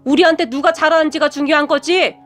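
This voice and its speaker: Brief: blunt, scheming older mother-in-law, scolding tone, high-pitched read by a woman narrator. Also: fairly even intonation, fast, fairly bright tone, faint music behind.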